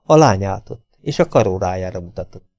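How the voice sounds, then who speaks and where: A man narrating an audiobook in a measured, evenly paced way. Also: deep voice, animated, a little mellow, no room sound. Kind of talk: audiobook reading.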